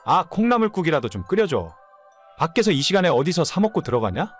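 A man's voice: a little high, big pitch swings, quick pace, soft background music. A man playing an immature, whining, hungover husband in his late thirties in a dramatized story. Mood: hungover, pleading. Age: late 30s. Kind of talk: dramatized audio story dialogue.

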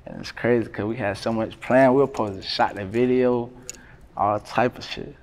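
A man, talking casually in an interview, relaxed and slangy with lots of fillers. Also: mid-range voice, moderate pace, slight background noise. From North Carolina, USA. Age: 20s. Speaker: rapper, interview guest. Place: indoors by a brick wall.

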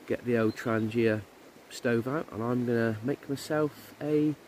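A man's voice: mid-range voice, measured pace, a little mellow, a little hiss or hum. A man, chatting casually to camera at a woodland camp, easygoing and full of ums. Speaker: outdoor camping vlogger. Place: woodland camp outdoors by a river.

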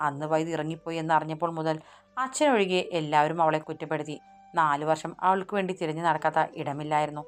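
Woman reading a love story aloud, deep voice, quiet music under it. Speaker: audiobook narrator. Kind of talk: scripted story narration. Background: soft music.

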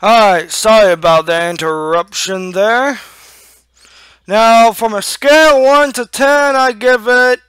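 High-voiced young man, lip full of dip. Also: slow, fairly bright tone, clean tone, no room sound. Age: young adult. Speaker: amateur product reviewer. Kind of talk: casual review to camera. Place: small room at home. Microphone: headset microphone.

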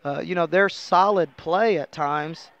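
With no echo in the recording, a middle-aged American basketball coach speaks in an unhurried, slightly high voice with a fairly bright tone. He sits at an indoor interview table in a sports arena for a postgame chat on a headset mic, explaining conversationally with frequent "you know"s.

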